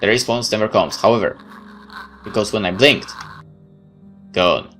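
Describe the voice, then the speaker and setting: This let's player, a man with a voice on the low side, dramatically reads a game's story while adding offhand asides. He speaks a little slowly, with faint music behind him.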